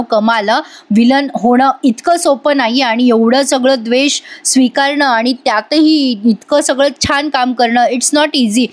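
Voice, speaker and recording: A woman giving a chatty voice-over review of a TV serial episode, speaking directly to viewers. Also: on the high side.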